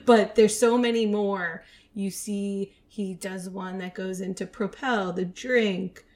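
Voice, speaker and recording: A woman co-hosting a podcast in casual chat, upbeat and quick to laugh. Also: medium pitch, steady tone, a little mellow, slight background noise. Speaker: podcast co-host.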